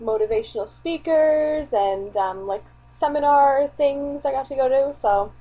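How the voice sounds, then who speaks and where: A woman's voice: high voice, measured pace. A young woman hosting a casual fan podcast, chatty with lots of filler words. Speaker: podcast host. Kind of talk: casual chat. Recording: dull lo-fi sound.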